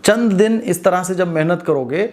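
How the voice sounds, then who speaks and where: A man's voice: high voice, darkish tone. A man teaching Quran reading in an informal lesson, talking straight to learners in an encouraging way. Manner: demonstrates recitation, drawing out words very slowly; encouraging, direct address to learners.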